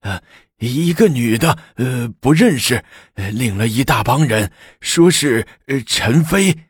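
A man's voice: mid-range voice, animated, unhurried, breathy edge, no echo, clean studio sound. Man doing a breathless stammering old steward. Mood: flustered. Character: flustered old male house steward.

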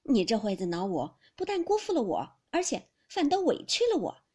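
An earnest young nobleman, voiced by a woman reader who pleads anxiously to be understood. The voice stays breathy and lively rather than deep. It is storybook reading of a classic novel. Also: normal speed. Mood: pleading.

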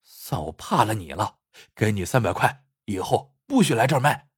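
A man's voice: on the low side, very animated, normal speed, husky, dry recording, clean studio sound, heavily acted. A man voicing a pushy, hot-tempered male construction boss who talks in a brusque, scolding way. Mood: indignant.

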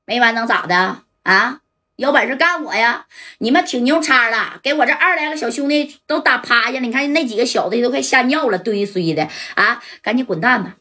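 A woman's voice: a little high, expressive, fairly quick, sharp tone. A woman voicing a swaggering, boastful male gang boss, speaking in a coarse, threatening way. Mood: menacing.

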